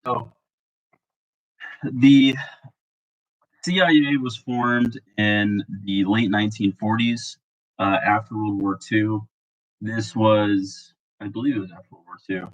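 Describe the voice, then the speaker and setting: A man who is sick, talking a bit monotone in a rambling, casual monologue full of fillers and restarts. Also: on the low side, slow, long pauses, poor audio. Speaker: political commentary vlogger.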